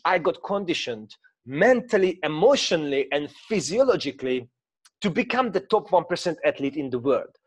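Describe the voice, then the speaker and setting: A man in his thirties speaks English with a Hungarian accent, coaching informally as he talks through a drawing on a shared screen. His voice sits a little high for a man. He hesitates often, with plenty of fillers and restarts. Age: 30s. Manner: hesitant, many fillers and restarts, non-native grammar. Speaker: mindset coach. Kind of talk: informal talk to camera with screen-share explanation.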